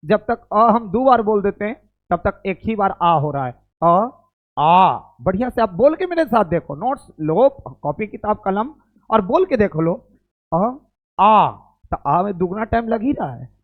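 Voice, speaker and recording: A man's voice: high-pitched, very animated, normal speed. A man teaching a grammar lesson, repeating each point and drilling students aloud. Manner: uses cricket analogies. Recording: tinny phone-like recording.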